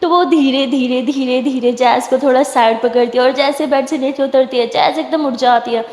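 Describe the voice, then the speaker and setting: A woman narrating a story in a chatty, animated way. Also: sits high. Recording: echoey room with long reverb.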